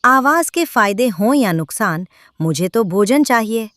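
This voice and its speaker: A woman acts out a greedy, envious male crow from a children's cartoon. The delivery is insistent and grumbling, swinging widely in pitch. The sound is dry, with no room around it. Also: expressive, unhurried, a bit bright, dry recording. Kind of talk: children's cartoon story acting.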